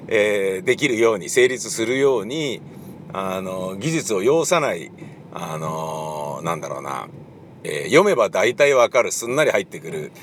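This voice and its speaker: Lively rambling man talking solo. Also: fairly low pitch, slight background noise. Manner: rambling, animated, slips into quoted voices. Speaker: playwright and director. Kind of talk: casual solo monologue.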